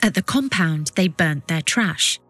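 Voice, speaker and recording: Low-pitched woman narrating a documentary podcast. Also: animated, a little slow, a bit bright, faint music behind. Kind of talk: scripted documentary storytelling narration.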